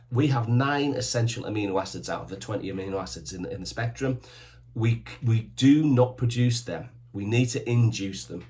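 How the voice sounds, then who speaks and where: Talking directly to the camera, a man in his fifties who owns a supplement shop hands out fitness and bodybuilding tips, giving short, emphatic commands with plain-spoken enthusiasm. He has a mid-range voice with a warm tone.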